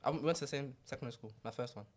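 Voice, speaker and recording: A man's voice: medium pitch, rapid-fire, a little hiss or hum. A young man with a London urban street accent, chatting casually in slangy roadman style. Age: young adult. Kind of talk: casual group chat.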